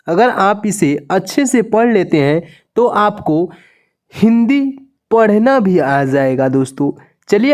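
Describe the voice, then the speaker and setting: A woman's voice: medium pitch, warm tone. A woman teaching a step-by-step lesson, patient and repetitive, often asking her viewers questions and answering them herself. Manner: patient, repeats each point with "friends" and questions.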